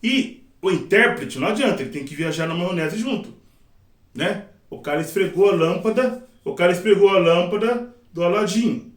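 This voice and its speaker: Middle-aged male teacher, lively and chatty, high voice, recorded in a roomy space from a distance. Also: normal speed. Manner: lively, acts out examples and quotes. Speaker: sign language interpreting teacher. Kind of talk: casual classroom teaching. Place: classroom. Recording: echoey room, mic at a distance.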